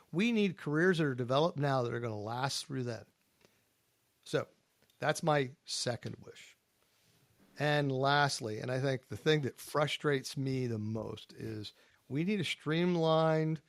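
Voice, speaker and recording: A man's voice: on the high side, no echo. A man on a panel podcast, talking in an emphatic, folksy way and posing rhetorical questions to his co-hosts. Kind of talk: casual panel discussion.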